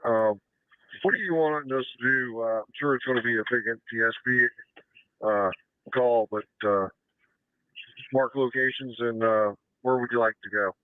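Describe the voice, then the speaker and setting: A man's voice: mid-range voice, moderate pace, smooth, no echo. Man on tinny emergency rescue radio. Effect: two-way radio. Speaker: rescue boat crew member on emergency radio. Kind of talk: emergency radio traffic, ambulance and rescue dispatch calls. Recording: tinny band-limited emergency radio transmission.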